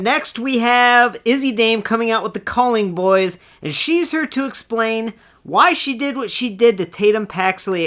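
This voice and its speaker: A woman's voice: mid-range voice, fairly bright tone. A woman hosting a casual solo recap show, chatty and enthusiastic, who acts out the quotes she retells. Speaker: wrestling recap host.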